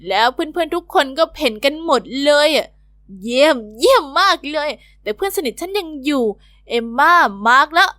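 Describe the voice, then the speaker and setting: A woman narrating a first-person animated diary story in a bubbly, expressive teen-girl manner. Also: sits high, a little fast, no echo, studio quality.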